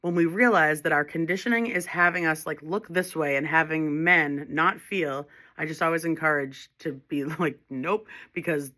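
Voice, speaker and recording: A woman's voice: sits low, normal speed, hardly any pauses, bright, forceful tone. A woman speaking as a holistic life coach in a reflective self-help monologue, earnest and encouraging, often restarting her phrases.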